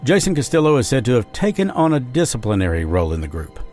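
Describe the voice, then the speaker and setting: With huge swings in pitch around a mid-range, slightly mellow voice, this host tells a true-crime story from a script, reading out quotes at a measured pace. The recording is a dry studio sound over faint music.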